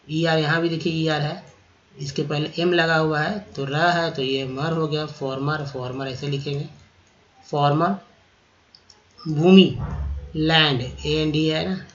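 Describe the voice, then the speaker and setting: A male teacher spells out English vocabulary letter by letter and repeats each word several times. His voice sits a little high and he talks at a very unhurried pace. The recording is dull and lo-fi. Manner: spells words letter by letter, repeats them slowly; explains pronunciation rules patiently, asks and answers own questions. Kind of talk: slow spelling-out lesson.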